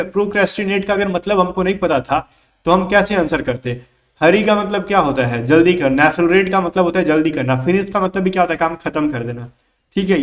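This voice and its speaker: A man with a fairly high voice and an Indian English accent gives an exam-prep English lesson. He is chatty and coaxing, and he often voices his students' questions before answering them. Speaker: English teacher.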